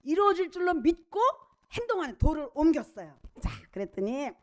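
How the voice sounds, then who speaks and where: A woman's voice: high voice, sing-song, fairly quick. A middle-aged woman pastor delivering a church sermon in an emphatic, conversational way and weaving in personal stories. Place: church service.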